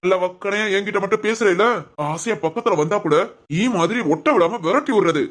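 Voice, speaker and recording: A woman voicing a dismissive young husband in a cartoon family drama, talking in a gruff, scolding way. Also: mid-range voice, lively intonation, a little fast, close to an everyday voice. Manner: gruff, scolding, self-pitying complaints.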